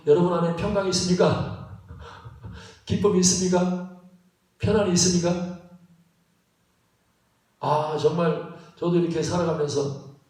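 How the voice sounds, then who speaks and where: A man preaching a sermon as pastor, animated and asking his congregation questions. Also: high voice. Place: church sanctuary. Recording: echoey church hall, mic at a distance.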